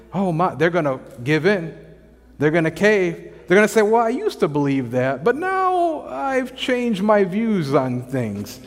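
A man preaching in a church, his slightly high voice ringing with a long hall reverb. He drives each point home by repeating short lines and keeps asking the congregation whether they follow. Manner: emphatic repetition, asks the congregation questions. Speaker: pastor. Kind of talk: sermon.

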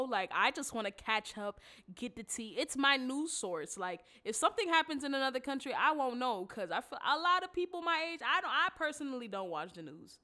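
A woman's voice: mid-range voice, pushed and bright, smooth. A woman in her twenties hosting a solo podcast, talking candidly in slangy casual chat, congested from a cold. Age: 20s. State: congested, under the weather. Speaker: podcast host.

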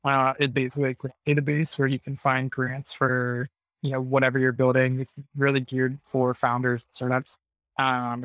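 A man's voice: mid-range voice, a bit bright, no room sound. A man casually hosting a live discussion, chatting informally in startup-community language. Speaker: host of a live audio discussion. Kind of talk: casual, conversational moderating.

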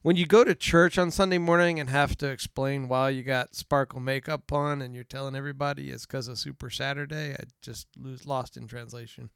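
A middle-aged father, talking in a relaxed, joking way. His voice is smooth and resonant, at a middle pitch. It sounds close and dry, with no room echo. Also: fairly quick, hardly any pauses. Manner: joking, teasing, relaxed storytelling. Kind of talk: casual family chat.

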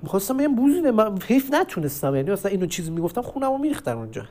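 Slangy young man telling street stories. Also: high-pitched. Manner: slangy, crude street talk with lively acted quotes. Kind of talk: casual storytelling monologue.

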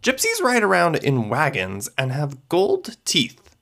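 A man reading a storybook, voicing an older woman fortune-teller who speaks gently and matter-of-factly. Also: fairly high pitch, wildly swooping pitch, slow pace, pitched above the performer's own voice, exaggerated voice. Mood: knowing, solemn. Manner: gentle, matter-of-fact, grandly solemn.

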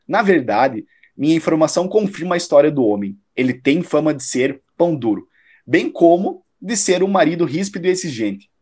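The detective this man plays in a radio drama is shrewd and self-assured, analytical and probing, slightly condescending in measured tones. His voice runs on the high side, a little mellow and slightly rough.

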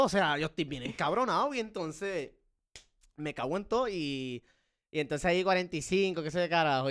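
A Puerto Rican man hosts a podcast, telling a story full of swearing and self-mockery. His voice sits a little high and comes across smooth and clear. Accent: Puerto Rican Spanish. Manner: profane, animated, self-mocking storytelling. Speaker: podcast host. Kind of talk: casual storytelling chat.

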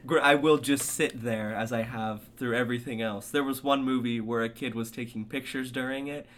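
A man's voice: mid-range voice, brisk, a little hiss or hum. Young man ranting and laughing. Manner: animated ranting, laughing often. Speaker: podcast co-host. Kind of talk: casual chat.

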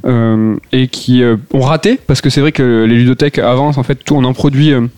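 A man's voice: medium pitch, fairly even intonation, brisk, darkish tone, clear, resonant tone, no room sound. A man presenting a promo segment on a podcast, rambling through his explanations. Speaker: podcast co-host.

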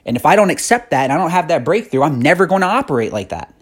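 Podcast host, man, 30s, husky, blunt and profane, hard-driving motivational rant. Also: fairly high pitch, very animated, fast talker. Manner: blunt, profane, increasingly fired-up. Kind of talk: motivational monologue.

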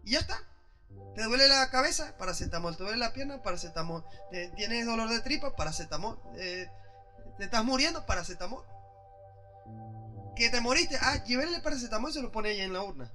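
A man, a pastor preaching a sermon in church, acting out quoted voices and swinging between loud outbursts and hushed asides. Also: extremely high pitch, lively intonation, a little fast, faint music behind.

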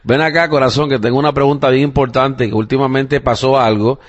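A man from Puerto Rico with a Puerto Rican Spanish accent, hosting a casual family podcast and talking with his young daughter. He chats in a relaxed way with plenty of fillers and the odd English phrase. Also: mid-range voice, fairly quick, lo-fi sound. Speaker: podcast host and father.

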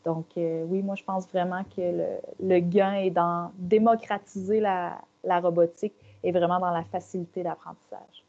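A woman's voice: lowish voice, steady tone, moderate pace, mellow, lo-fi sound. A woman with a Québécois French accent, a panelist explaining her views in a round-table discussion, thoughtful and full of fillers.

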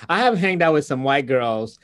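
A man talking casually as an interview guest, thinking aloud with pauses and tag questions. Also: on the high side, sing-song, fairly bright tone. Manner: thoughtful, pauses often, asks tag questions.

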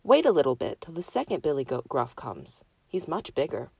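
A woman's voice: sits low, very animated, moderate pace, gravelly, warm tone, slightly rough, dry recording, exaggerated voice. The tiniest billy goat in a storybook pleads in a small, thin voice, as a woman puts it on. He sounds timid and young. The recording is dry and close. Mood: pleading.

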